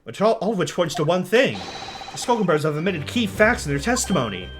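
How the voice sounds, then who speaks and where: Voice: mid-range voice, big pitch swings, a little fast, music in the background, natural voice. A streamer voicing an earnest young defence lawyer from a video game in formal courtroom oratory.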